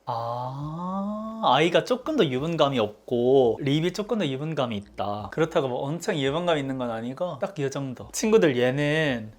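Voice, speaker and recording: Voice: medium pitch, expressive, normal speed, few pauses. A beauty vlogger chatting casually through a makeup tutorial, talking to themself and often breaking into surprised exclamations. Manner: chatty, talks to self, frequent surprised exclamations.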